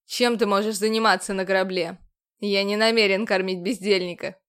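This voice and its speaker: A woman's voice: mid-range voice, flat delivery, normal speed, clean tone, natural voice. A woman voicing a stern male alien commander who speaks harshly and curtly. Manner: harsh, clipped, raised voice.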